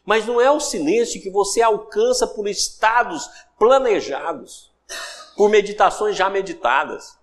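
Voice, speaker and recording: A man's voice: high voice, unhurried, long reverb tail. A man with a Brazilian Portuguese accent giving a recorded course lecture on self-development, talking conversationally and repeating phrases for emphasis. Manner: animated, acts out everyday examples in quoted voices.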